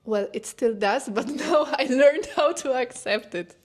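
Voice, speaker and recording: A woman's voice: high voice, a little slow. A young woman from Poland, a non-native English speaker, chatting casually as co-host and laughing often. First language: Polish. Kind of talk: casual chat.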